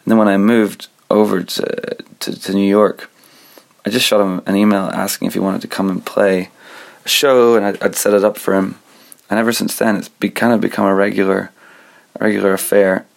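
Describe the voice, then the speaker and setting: A young man from Scotland presenting a radio show, introducing songs in a relaxed, conversational way and thinking aloud as he talks. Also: fairly low pitch, fairly quick, vocal fry. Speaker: radio host.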